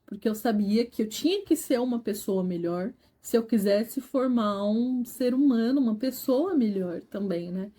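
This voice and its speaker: A young Brazilian woman speaks to camera with a Brazilian Portuguese accent, sharing her personal story earnestly and candidly. Her voice sits a bit high, with a warm, mellow tone. She talks straight to her viewers as a vlogger. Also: animated, moderate pace, few pauses, breathy edge.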